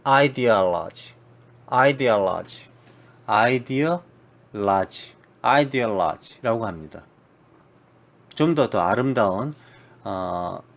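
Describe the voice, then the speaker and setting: A man from South Korea giving a casual spoken English lesson, slowly drawing out English words to demonstrate them, chatty and blunt. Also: mid-range voice. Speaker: English teacher.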